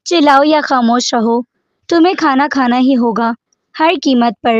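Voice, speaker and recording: A woman's voice: high-pitched, dry recording, lightly acted. A woman reading the lines of a stern, protective young man who scolds, in a dull lo-fi recording.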